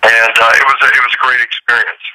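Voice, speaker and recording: A man's voice: medium pitch, little pitch movement, quick pace, pushed and bright, no echo. A man being interviewed over a phone line as a visiting musician, talking in an easygoing, rambling way with lots of fillers. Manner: easygoing, rambling, full of "uh" and "you know". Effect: heard over a phone line. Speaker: musician guest. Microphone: telephone.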